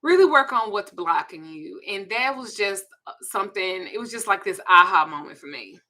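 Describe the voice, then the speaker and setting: A woman's voice: medium pitch, expressive, moderate pace, sharp tone. A woman in her forties with a Southern US accent, hosting a candid, profane, confiding casual chat. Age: 40s. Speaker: host.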